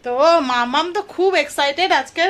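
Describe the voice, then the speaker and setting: A woman's voice: sits high, brisk, fairly bright tone, a little hiss or hum. A young woman with a Kolkata Bengali accent, narrating a casual family vlog and talking with her toddler in between. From India. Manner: chatty, talks to her toddler between asides to viewers. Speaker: vlogger and mother.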